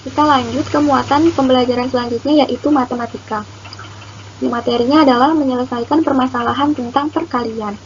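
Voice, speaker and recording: A young woman narrating a children's lesson as a teacher, in a sing-song way as if reading to a toddler. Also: high voice. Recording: muffled lo-fi recording, faint noise.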